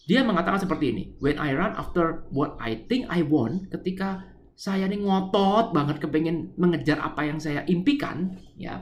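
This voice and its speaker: Man teaching slowly, high-ish voice. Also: echoey room, a little hiss or hum. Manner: repeats words slowly, asks listeners to repeat. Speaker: spiritual teacher. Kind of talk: lecture explaining a poem.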